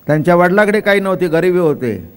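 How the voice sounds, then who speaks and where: High-voiced older Marathi kirtan preacher. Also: male voice, very animated, fast talker, clean tone. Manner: storytelling, acting out family voices and quoting verses in a chanting lilt; asks the audience questions and drops to a soft, low voice when explaining. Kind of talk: devotional kirtan discourse.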